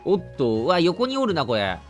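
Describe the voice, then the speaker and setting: A man with a Kansai accent giving joking, lively let's play commentary as a game streamer. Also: on the high side, moderate pace, soft background music. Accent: Kansai Japanese. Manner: joking, exaggerated indignation, lively reactions.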